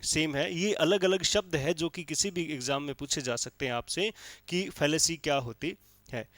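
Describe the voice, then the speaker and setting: A man's voice: a little high, fairly bright tone, dry recording. A male teacher giving a classroom lecture in speech, explaining step by step and checking in often with his listeners. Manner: explains step by step with frequent checks like "theek hai".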